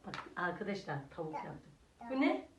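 Speaking at a moderate pace in a lowish, sing-song voice, an older woman from Turkey, a village vlogger and grandmother, makes casual home vlog chat with viewers as friends and coos at her little grandson. It's recorded in an echoey village house room from a distant mic.

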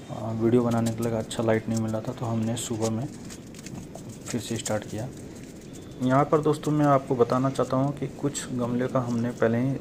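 Young male gardening vlogger, plain even delivery, casual narration, outdoor birds behind. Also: medium pitch, noisy background. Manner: addresses viewers as friends, steady explanatory tone. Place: rooftop terrace garden outdoors.

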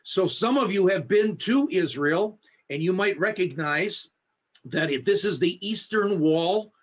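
A man with a fairly high, breathy-edged voice leads an online Bible study as its teacher. He explains things slowly and kindly, filling pauses with ums and uhs. He is heard over a video call through a video camera. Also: animated. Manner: friendly, explains slowly with frequent fillers. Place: home setup on a video call. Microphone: high definition video camera.

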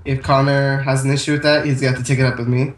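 A man's voice: medium pitch, little pitch movement, quick pace, distant mic. A young man joking around and groaning dramatically in casual chat while playing a game. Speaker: gamer. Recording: echoey room mic from afar, faint hiss.

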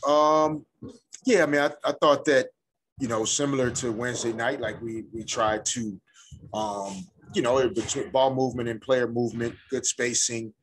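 A middle-aged man, a head coach, answers postgame press questions in a measured, thoughtful way. He often pauses to find his words, and he is recorded on a desk microphone in an indoor press room. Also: medium pitch, fairly even intonation. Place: indoor press room before a sponsor backdrop. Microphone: desk microphone in front of him.

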